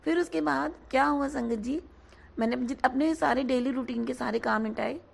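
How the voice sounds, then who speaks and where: A hoarse woman giving an earnest devotional testimony, often addressing her listeners directly. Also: sits high, normal speed. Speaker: devotee sharing a satsang.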